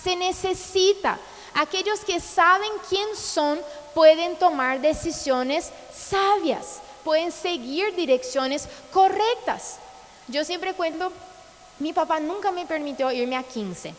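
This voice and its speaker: A woman's voice: very high-pitched, slow, big-room sound, a little hiss or hum, rough recording. A woman pastor from Brazil preaching a sermon, passionate and full of rhetorical questions.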